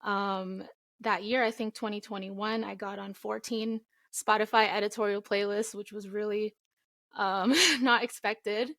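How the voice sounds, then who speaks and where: A woman's voice: medium pitch, little pitch movement, measured pace, a bit bright, no room sound, clean studio sound. A young woman from the Philippines, raised in Florida, answering interview questions earnestly with frequent ums. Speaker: indie singer-songwriter guest.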